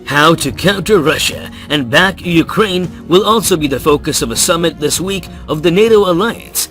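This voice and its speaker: A man reading a scripted news voice-over in an even, measured newsreader manner. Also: on the high side. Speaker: news narrator. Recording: faint music bed behind the voice.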